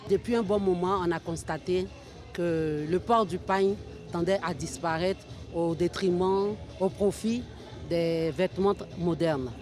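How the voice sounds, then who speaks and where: A woman's voice: fairly low pitch, unhurried, a little mellow, faint music behind. A woman explaining her group's cause earnestly in a news interview. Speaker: association member. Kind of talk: interview soundbite.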